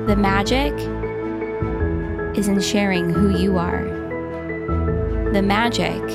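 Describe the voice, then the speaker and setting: A woman narrating a scripted, inspirational podcast intro in a slow, measured, affirming way. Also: mid-range voice. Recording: loud new-age music behind.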